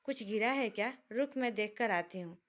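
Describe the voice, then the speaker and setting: A woman's voice: fairly high pitch, natural voice. Woman doing a fussy, fiery young woman. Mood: excited, scolding. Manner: excitable, scolding, fast. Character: irritable young wife's friend, dramatic woman.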